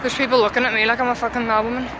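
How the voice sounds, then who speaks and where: A woman's voice: fairly high pitch, flat delivery, racing, heavy background noise. A young woman chatting casually to camera as a vlogger, talking to her baby and pets and swearing offhandedly. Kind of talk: casual vlog chat. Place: home and then out in town.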